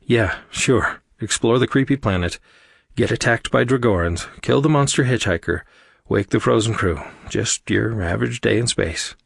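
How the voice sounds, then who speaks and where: A man's voice: lowish voice, moderate pace, gravelly, husky, dry recording, pitched above the performer's own voice. A man voicing a jumpy, wisecracking young human man in an audiobook, complaining a lot.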